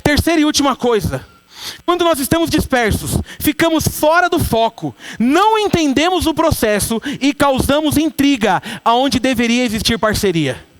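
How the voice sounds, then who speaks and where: A man in his thirties from Brazil, a pastor delivering a lively sermon to his church and acting out quoted voices. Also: very high voice, normal speed. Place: church sanctuary.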